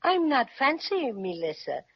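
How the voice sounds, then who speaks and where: A woman voicing a small, cheerful male teddy bear in a 1930s radio serial, with plainspoken, gruff little quips. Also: high-pitched, very animated, measured pace, exaggerated voice. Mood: folksy. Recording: dull lo-fi 1930s radio recording.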